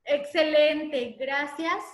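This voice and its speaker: Slow, patient woman teacher, echoey room. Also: high-pitched, steady tone. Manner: patient, explains step by step. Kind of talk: online class explanation.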